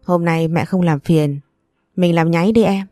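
A woman's voice: on the low side, steady tone, moderate pace, mellow, no echo, clean studio sound, faint music behind, lightly acted. A woman reading the part of a crude, demanding young husband. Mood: pushy. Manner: demanding, sulky.

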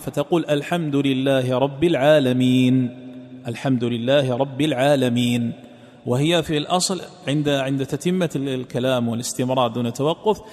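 A man giving a lesson, explaining step by step, repeating key phrases and slowing down to recite examples. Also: a little high. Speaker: teacher. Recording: long reverb, echoey room.

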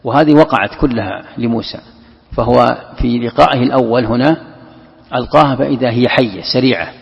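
A husky mid-range voice with vocal fry, speaking a little fast, belongs to a man teaching a scripture commentary lesson. As a religious teacher he questions and answers himself and repeats key phrases; the sound is lo-fi, dull, and echoey from a hall.

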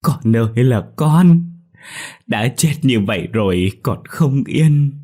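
A man's voice: mid-range voice, expressive, takes it slowly, warm tone, pitched above the performer's own voice. A man voicing a grieving older mother who wails over her dead daughter in a ghost story. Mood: anguished. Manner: wailing, sobbing laments.

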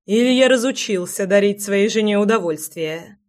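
In this audiobook, a loving young husband teases his wife in soft, intimate tones, as a woman narrator reads his part. He is playful but tender, and the delivery stays close and quiet. His pitch sits in the middle range. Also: moderate pace, lightly acted.

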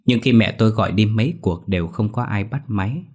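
A man narrating a ghost story in first person with a steady storytelling manner. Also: lowish voice, a little fast. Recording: faint music behind.

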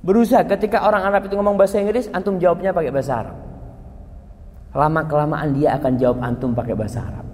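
A man preaching to a congregation, lively and full of rhetorical questions, his voice jumping high when excited. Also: fast talker. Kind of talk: Islamic lecture to a congregation. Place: lecture hall. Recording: long hall reverb.

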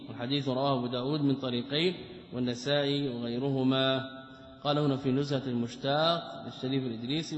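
A male scholar giving a religious lesson, reading passages from a commentary and explaining them with rhetorical questions. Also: medium pitch. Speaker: Islamic scholar teaching a text. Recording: muffled, echoey lecture hall recording.

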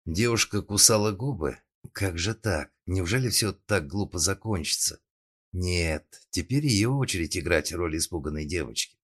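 A man reading a thriller audiobook as narrator, in a steady dramatic tone. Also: low voice, normal speed, breathy edge. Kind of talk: scripted narration.

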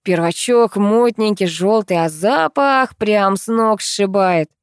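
A woman voicing a drunken older village man with a slow, slurred, wheedling drawl. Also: mid-range voice, clear, resonant tone, no echo, clean studio sound. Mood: drunkenly fond.

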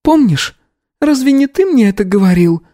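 A man's voice: extremely high pitch, very animated, moderate pace, mellow, dry recording, studio quality, voice pushed up, heavily acted. A man voicing a cold, mocking young woman in an audiobook, speaking with contempt. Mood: scornful.

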